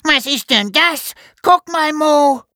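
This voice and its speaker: A man's voice: very high voice, normal speed, bright, forceful tone, slightly rough, dry recording, clean studio sound, pitched above the performer's own voice, heavily acted. A man voicing a clever, friendly little duck girl in a children's audio story. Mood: scheming.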